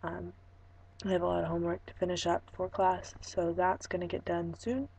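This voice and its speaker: A young woman records a casual, unscripted vlog. Her voice is giving out from a sore throat, hoarse and breathy with a creaky rasp. The tone is soft and mellow, and she talks in a relaxed, halting way. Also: lowish voice, poor audio. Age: young adult. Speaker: vlogger. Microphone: webcam microphone.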